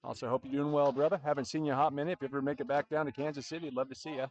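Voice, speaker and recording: A man giving relaxed, chatty live commentary on a tournament stream, talking straight to viewers. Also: a little high, racing, muffled recording. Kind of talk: casual livestream commentary. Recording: faint background noise and clicks.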